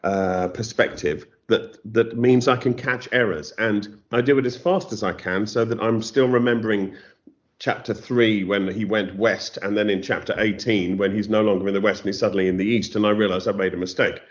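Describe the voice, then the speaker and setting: An English-accented novelist, interviewed as a guest, speaks at normal speed in a lowish voice with a steady tone. He is thoughtful and self-deprecating, restarting often, and the lo-fi audio sounds slightly dull.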